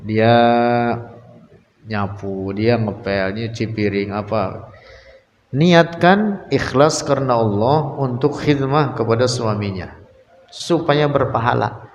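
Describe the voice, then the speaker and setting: A man's voice: mid-range voice, slow, pauses often, lo-fi sound, slight background noise. A man giving a religious study lecture. He reads Arabic text, translates it phrase by phrase and adds joking, colloquial asides to his students. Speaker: Islamic religious teacher. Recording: echoey hall with long reverb.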